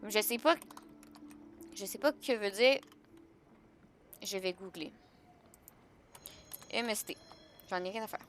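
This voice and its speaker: A woman's voice: mid-range voice, takes it slowly, pauses often, faint music behind. A young woman with a Québécois French accent chatting casually on a live stream, joking and answering her chat.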